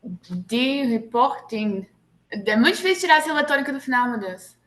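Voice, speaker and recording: A woman's voice: fairly high pitch, lively intonation, normal speed, a bit bright. A woman student in an online language class answers the teacher's questions. She speaks like an eager, chatty learner. She is heard over a video call.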